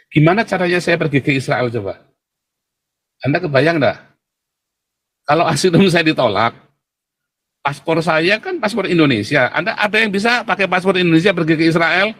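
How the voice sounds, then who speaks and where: A man's voice: a little high, fairly bright tone. A man who is a pastor, talking casually to his livestream audience. He keeps calling his listeners brothers and sisters, and his voice jumps up when he gets worked up.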